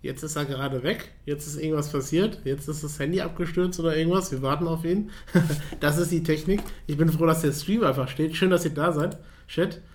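A man's voice: a little high, brisk. A man hosting a live stream talk, chatting to the viewers and inviting their questions. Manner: chatty, addresses viewers directly. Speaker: livestream talk host.

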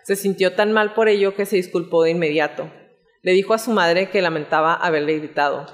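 A woman hosting a podcast, telling a true crime story in a relaxed narrating tone. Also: lowish voice, a little fast, big-room sound. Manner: reads out chat messages in a relaxed narrating tone. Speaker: podcast host.

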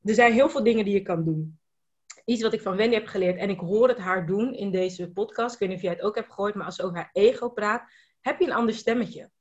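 A woman's voice: medium pitch, quick pace. Affirming woman host, dull lo-fi sound. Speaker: podcast host. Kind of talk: casual podcast chat.

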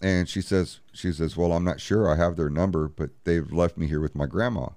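A paranormal investigator in an interview narrates his story at a normal speed, his low voice steady and a little mellow. Profane and blunt, he acts out each exchange with "he goes" and "I said," in a dry recording.

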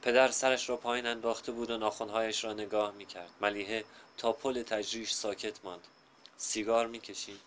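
A man narrating a literary story in a measured, unhurried reading style. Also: lowish voice, level tone, fairly bright tone, a little hiss or hum.

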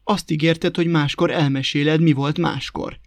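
A man's voice: on the high side, fairly even intonation, no room sound, lightly acted. A man voicing a curious little boy who pleads eagerly for a story, with a raised voice. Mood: pleading.

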